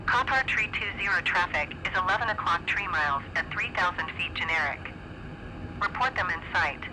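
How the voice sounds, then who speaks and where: A woman's voice: on the low side, animated, moderate pace, lightly acted. A woman playing a businesslike air traffic controller, making clipped radio calls in a flight game. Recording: noisy radio with aircraft sound.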